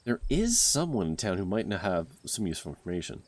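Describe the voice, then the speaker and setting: A man voicing a bold, curious young woman who talks briskly and with determination in a game. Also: sits low, sing-song, darkish tone, no room sound.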